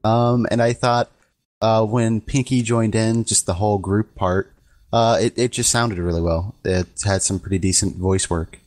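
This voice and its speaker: A man on a podcast panel, speaking hesitantly with many ums and deadpan jokes. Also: lowish voice, normal speed, no echo. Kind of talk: casual podcast discussion.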